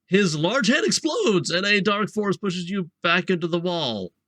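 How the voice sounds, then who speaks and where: A man's voice: high voice, big pitch swings, measured pace, fairly bright tone, no room sound. A man playing a fantasy text game, switching between casual chat and dramatic narration.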